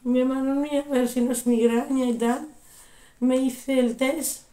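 A young woman, telling a story casually in a vlog with animated, repeated exclamations, sounding unwell. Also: high-pitched, moderate pace, reverberant. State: unwell, recovering from illness. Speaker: vlogger.

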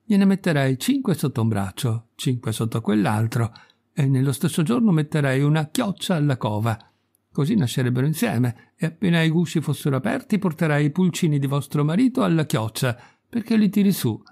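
A man's voice: fairly high pitch, sing-song, fairly quick, vocal fry, darkish tone, full character voice. A man reading a story aloud, voicing a crafty, teasing farmer who talks in a wheedling, mock-serious way. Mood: sly. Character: sly teasing country farmer, crafty middle-aged man.

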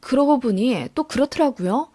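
A woman narrating a true-life story in the first person as a radio drama, in a confiding, expressive way. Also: sits high, normal speed.

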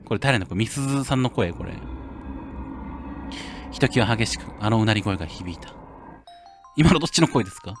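A male game streamer playing a horror game, reading the story text softly and breaking into loud, excited outbursts between lines. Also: fairly low pitch, a little fast, pauses often, faint music behind. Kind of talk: horror game playthrough, reading dialogue aloud with commentary.

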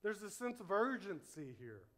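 A man's voice: sits high, big pitch swings, normal speed, fairly bright tone. A pastor preaching a sermon at a church service, earnest and emphatic, his delivery swelling and dropping to stress each point.

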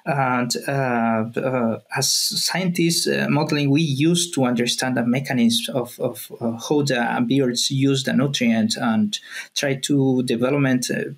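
A man's voice: mid-range voice, fairly even intonation, measured pace, gravelly. A man in his thirties from Peru with a Peruvian Spanish accent, a researcher speaking as a guest on a video call, with many fillers and restarts. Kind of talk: remote interview. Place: office. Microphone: earbuds on a video call.

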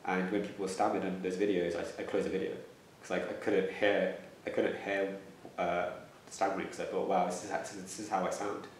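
Deep and level at a normal speed, with a little hiss or hum, this twenty-something man's voice carries stammers, repeats and restarts as he answers interview questions reflectively. He's recorded in a plain, echoey indoor room on a slightly distant mic.

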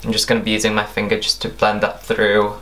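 A man's voice: fairly low pitch, completely flat delivery, fast talker, a bit bright. A young man narrating an instructional makeup tutorial as its presenter. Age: young adult.

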